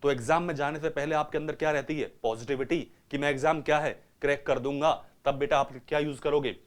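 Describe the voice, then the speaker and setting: A vocabulary teacher speaks to his class with a slightly high voice. He keeps asking and answering his own questions and draws out English phrases slowly so students can copy them. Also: fairly even intonation. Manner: repetitive call-and-response questioning, addresses students as beta. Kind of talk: classroom lecture.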